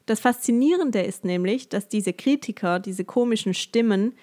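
A woman, a yoga teacher and coach, calmly guiding listeners through a coaching exercise with many gentle questions and frequent light laughs. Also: medium pitch, normal speed. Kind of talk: guided coaching exercise, podcast.

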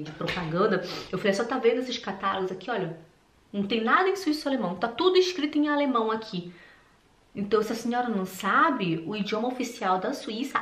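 A woman from Brazil telling personal stories and encouraging viewers in an animated, expressive way, recorded with a roomy echo. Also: fairly high pitch. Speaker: vlogger.

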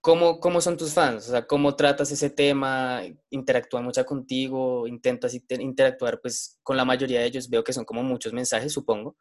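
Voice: medium pitch, flat delivery, fairly quick, few pauses. An interviewer, asking questions in a hesitant, repetitive way. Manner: hesitant, repeats words while asking. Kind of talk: casual interview.

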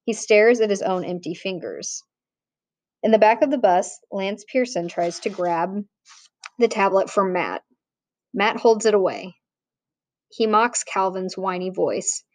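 A woman reading a novel aloud in a plain, measured way, with small restarts. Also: mid-range voice, no room sound. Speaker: audiobook narrator. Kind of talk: audiobook reading.

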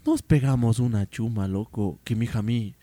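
On a dry recording, a young podcast co-host speaks at normal speed in a medium-pitched voice. His casual, slangy story wanders all over, and he keeps saying "loco" and "mija" with lively energy.

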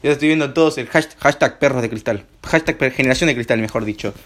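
A young man with an Argentine accent, slightly hoarse, hosting a casual home-made radio show in a rambling, slangy way full of filler words. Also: mid-range voice, fast talker, fairly bright tone. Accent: Argentine Spanish. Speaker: host.

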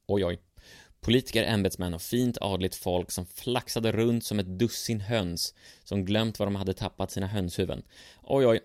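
Male narrator for a history tale, sardonic and dry, low gravelly voice. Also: a little mellow, dry recording. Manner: sardonic, ironic. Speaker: storyteller.

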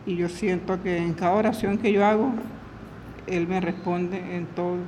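A woman giving an emotional religious testimony in halting, repetitive speech, retelling her prayers in her own words. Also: on the low side, steady tone, darkish tone, slight background noise, low-quality recording. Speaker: church member giving testimony.

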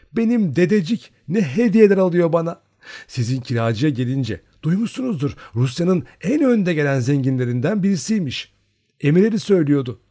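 A man's voice: fairly high pitch, warm tone, voice pushed up. A man reading aloud, voicing a bold, playful young peasant girl who teases and coaxes her friend. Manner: playful, coaxing, mischievous.

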